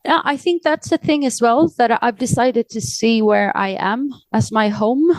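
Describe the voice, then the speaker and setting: A Swedish woman who directs an aid organisation appears as a podcast guest, answering reflectively in an interview with hesitant, searching phrasing and a Swedish accent. Her voice is fairly high and her pace moderate. There is no room sound.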